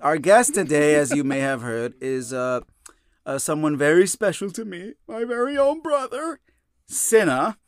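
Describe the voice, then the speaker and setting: A man's voice: on the high side, animated, normal speed, dry recording, studio quality. A young man co-hosting a casual podcast, talking in a rambling way with many fillers. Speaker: podcast co-host. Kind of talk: casual chat.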